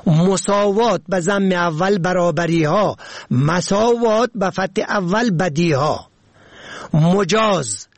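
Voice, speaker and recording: A man reading a pronunciation lesson on radio, slow and deliberate, spelling words out letter by letter. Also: sits high, breathy edge, dry recording.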